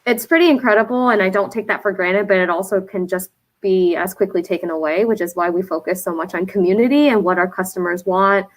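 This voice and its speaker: A woman from the United States, whose first language was Vietnamese, answers interview questions as a brand founder. She's earnest and reflective with soft fillers, speaking at medium pitch and a quick pace with hardly any pauses.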